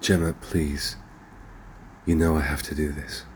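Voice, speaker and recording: An actor playing a weary, conflicted debt-collecting enforcer, terse and reluctantly tough in a naturalistic drama. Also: male voice, level tone, a little slow, darkish tone. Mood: weary, subdued. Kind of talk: naturalistic screen drama acting. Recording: noisy ambience with vehicle rumble.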